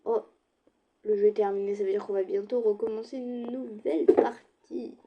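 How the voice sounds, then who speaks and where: A young woman chatting casually to her viewers while playing an online game, with quiet murmured asides. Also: medium pitch, steady tone, a little fast, muffled recording, background noise. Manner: chatty, addresses viewers directly, slips into soft asides. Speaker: gaming streamer. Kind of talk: casual let's-play commentary.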